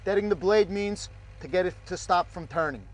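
A man's voice: high voice, moderate pace, background noise. A man hosting a fire service training video, giving direct and emphatic safety advice outdoors at a training prop. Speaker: fire service instructor, show host.

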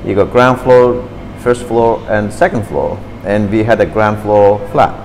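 He's in his fifties, from Turkey, and speaks English a little brokenly as he animatedly reminisces about childhood in a café interview, gesturing as he goes. His fairly low voice runs a little slow. The camera across the table gives a rough recording with slight background noise and a large-hall sound.

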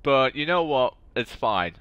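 A man's voice: mid-range voice, lively intonation, measured pace, sharp tone, clear, resonant tone, no echo, highs cut off. A man giving casual live commentary on a game playthrough, playful and rambling as he chats with viewers. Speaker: game streamer.

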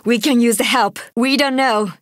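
An actress voices an earnest, resolute young female rescue soldier in a video game, barking brisk, urgent combat callouts in military radio style. Her natural voice is fairly high and a bit bright, with fairly even intonation at normal speed. The studio-quality recording is focused and free of echo.

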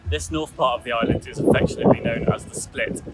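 A man hosting a casual travel vlog outdoors on a tropical island, chatty and relaxed, talking to a handheld camera. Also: mid-range voice, fast, loud music behind the voice. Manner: chatty, relaxed, self-correcting. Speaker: travel vlogger host.

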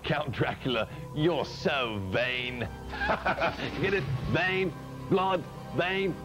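A man's voice: a little high, takes it slowly, rough recording. A man speaking as a campy horror host, a mad monk with theatrical, joking patter full of puns. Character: campy mad old monk hosting late-night horror films. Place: small TV studio set. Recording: 1980s TV broadcast with music behind.

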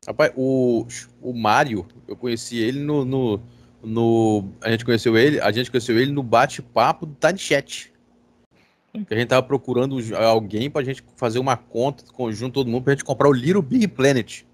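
Podcast co-host, mid voice. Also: male voice, medium pitch, moderate pace. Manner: brief reactions and questions. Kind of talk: casual chat.

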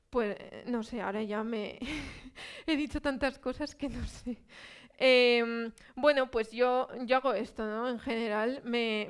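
A woman's voice: fairly high pitch, clear, resonant tone. A woman from Spain giving a public talk about her own experience, conversational, with many fillers and rhetorical questions. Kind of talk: public lecture. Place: cultural centre hall.

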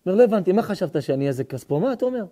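A man, a rabbi, telling a story in a sermon, acting out the dialogue with sudden high, excited voices and shouts.

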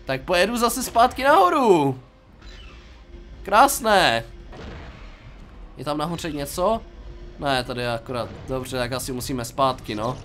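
A man's voice: on the high side, lively intonation, pauses often, fairly bright tone, a little hiss or hum. A young Czech man giving playful, jokey commentary while playing a game, talking to himself and to his viewers. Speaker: gaming YouTuber. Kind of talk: casual gameplay commentary.

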